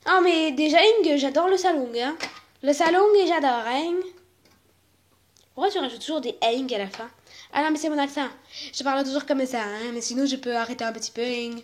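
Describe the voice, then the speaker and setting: A woman voicing a loud, tomboyish young woman with a put-on Marseille accent, rambling and boastful, in a toy video role-play. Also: sits high, a little fast, lightly acted. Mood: chatty.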